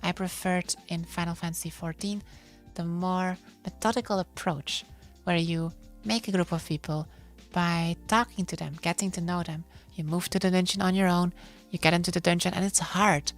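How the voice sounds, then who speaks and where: Female podcast streamer, non-native English, low register, playful casual storyteller, music underneath. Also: steady tone, moderate pace. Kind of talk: casual chat about online games. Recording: music behind the voice.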